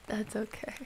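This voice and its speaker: A woman hosts an ASMR livestream, chatting casually with viewers in a soft, playful, affectionate and unhurried way, sometimes drifting close to a whisper. The recording is rough, with a little hiss or hum.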